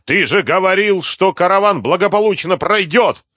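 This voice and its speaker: A man's voice: mid-range voice, expressive, moderate pace, no echo, studio quality, pitched above the performer's own voice, natural voice. A man voicing an angry, hot-tempered smuggler in an audiobook. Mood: furious. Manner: angry, shouting.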